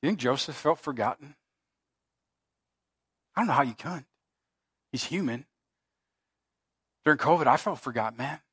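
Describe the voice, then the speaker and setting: A man's voice: medium pitch, animated, moderate pace, long pauses, a bit bright, breathy edge. A middle-aged man preaching a sermon as pastor, in an emphatic, conversational way, in a church. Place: church sanctuary.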